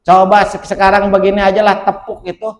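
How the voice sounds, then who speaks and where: A man's voice: high-pitched, monotone, a little fast, low-quality recording. A man, preaching a casual storytelling sermon in a jokey way and often addressing his listeners directly. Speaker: Islamic preacher.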